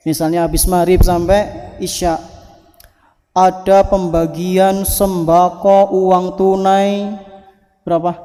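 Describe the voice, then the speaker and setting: A male preacher with a Javanese accent, giving a lively storytelling sermon with playful asides. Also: high voice, takes it slowly, long pauses, soft background music. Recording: hall reverb.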